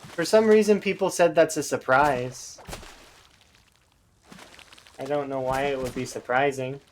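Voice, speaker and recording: A man's voice: mid-range voice, a little slow, slight background noise. A Canadian man chatting casually while streaming a game, rambling with lots of hesitant fillers. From Alberta, Canada.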